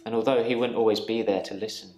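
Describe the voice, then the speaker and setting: An actor in a live-action mystery game playing a troubled male patient who calmly recounts reliving the same day. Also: fairly low pitch, fast talker, close to an everyday voice. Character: troubled male patient haunted by repeating days. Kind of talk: scripted game dialogue. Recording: roomy with game music.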